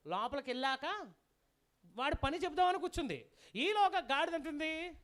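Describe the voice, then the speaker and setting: A guest preacher delivering a sermon with a folk tale, lively and constantly asking the audience questions. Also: high-pitched, moderate pace.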